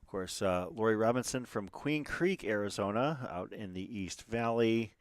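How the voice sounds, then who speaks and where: Chatty man with a smooth, low voice. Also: moderate pace, no echo. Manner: chatty, rambling, lots of fillers and restarts. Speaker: livestream race commentator. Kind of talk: casual live commentary.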